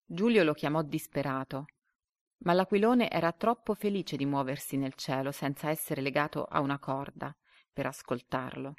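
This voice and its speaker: Low-voiced woman reading a lesson aloud. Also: no room sound. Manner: slow and deliberate when reading quiz options. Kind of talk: reading a story and a comprehension quiz aloud.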